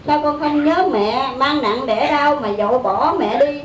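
A sorrowful elderly mother grieves her lost child in a slow lament, voiced by a woman telling a story, with a Southern Vietnamese accent. Her high voice rings in an echoey room, caught from a distance over a faint rumble. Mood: mournful.

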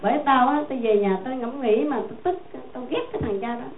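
A woman voicing an angry, hot-tempered male hunter who curses roughly. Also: high-pitched, fairly quick, faint music behind, lightly acted. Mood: resentful. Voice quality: rough, cursing. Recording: echoey tinny phone-like sound.

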